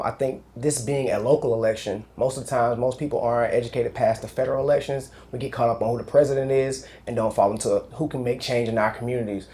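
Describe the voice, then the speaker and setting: A man in his thirties from Atlanta speaks on a panel. He talks fast and briskly, running through a list of points. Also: medium pitch, a little mellow. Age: 30s. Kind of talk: panel discussion.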